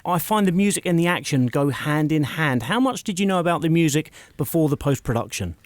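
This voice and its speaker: Enthusiastic male interviewer with a slightly high voice, dry close recording. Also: lively intonation, brisk, no room sound. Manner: enthusiastic, chatty. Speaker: podcast co-host and interviewer. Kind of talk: casual interview.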